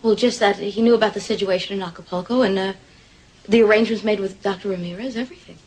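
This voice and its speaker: A woman's voice: medium pitch, fairly even intonation, fast, a little mellow, slightly rough, natural voice, poor audio. An actress playing a worried, devoted woman of the household in a 1980s soap opera, speaking earnestly and solicitously. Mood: worried, caring.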